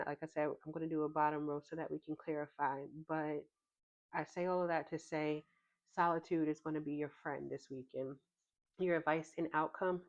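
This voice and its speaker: A woman with a notably low voice talks through a tarot spread in a relaxed, unhurried way, pausing often with ums as she thinks aloud. The recording sounds a little dull and lo-fi. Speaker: tarot reader. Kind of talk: casual tarot reading to camera.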